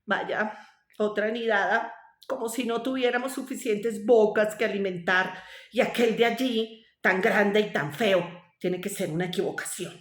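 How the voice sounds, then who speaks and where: A woman's voice: medium pitch, a little slow, natural voice. A woman voicing a haughty queen duck who speaks with disdain, recorded in a roomy space. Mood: disdainful. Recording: roomy echo.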